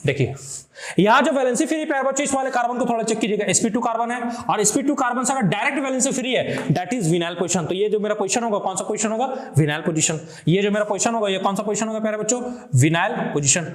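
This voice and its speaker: A male chemistry teacher with a fairly high voice lectures his students. He keeps asking questions and answering them himself, calling the students fondly. The sound is roomy, with a noticeable echo. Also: fast. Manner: repetitive call-and-response questioning; affectionate addressing of students. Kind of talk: classroom lecture.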